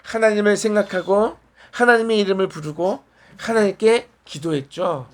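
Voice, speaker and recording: A man's voice: sits high, moderate pace, background noise. A man preaching a sermon in a small church, conversational and asking the congregation questions and answering back.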